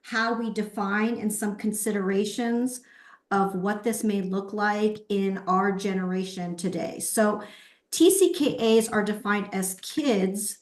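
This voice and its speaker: Speaking with a mid-range voice at a measured pace, a woman delivers a webinar lecture that explains things step by step. She asks rhetorical questions and briefly acknowledges participants, and the sound is roomy and echoey.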